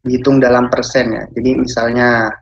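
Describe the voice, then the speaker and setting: A young man giving a relaxed student presentation, filling pauses with "ya" and hesitations. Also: medium pitch, vocal fry, lo-fi sound. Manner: relaxed, many fillers and tag "ya". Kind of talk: casual online presentation.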